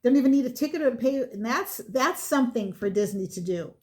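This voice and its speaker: A woman's voice: a little high, expressive, brisk, darkish tone. A woman in casual chat who listens with many mm-hmms and chimes in with comments. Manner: chatty listener, frequent mm-hmms.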